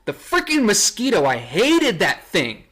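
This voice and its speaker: Casting note: young male vlogger, bright, slightly high voice, sarcastic and rambling. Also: huge pitch swings, measured pace. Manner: sarcastic, rambling, self-correcting. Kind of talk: casual commentary reading a list.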